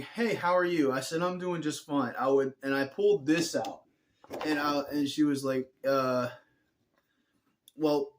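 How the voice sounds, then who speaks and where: A tired young man telling a personal story in a rambling, earnest way, often correcting himself. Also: mid-range voice. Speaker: vlogger.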